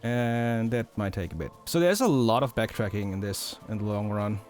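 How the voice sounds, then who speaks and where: A man casually commenting on his game while streaming, thinking aloud in a relaxed way. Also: lowish voice, moderate pace, soft background music. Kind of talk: casual let's-play commentary.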